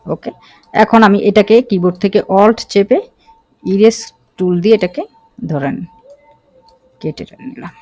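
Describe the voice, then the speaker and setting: A woman teaching a graphic design course talks casually through a screen-recorded software tutorial, using fillers and correcting herself. Her mid-range voice moves at a moderate pace with frequent pauses. The recording is dry.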